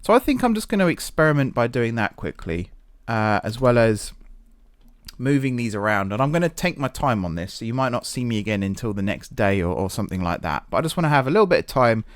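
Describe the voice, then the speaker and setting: A man's voice: mid-range voice, very animated, fast, smooth, clean studio sound. A man giving casual gameplay commentary, thinking aloud in a self-deprecating way, recorded in an echoey, sparsely furnished office. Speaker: gaming video host. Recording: echoey room with little furniture.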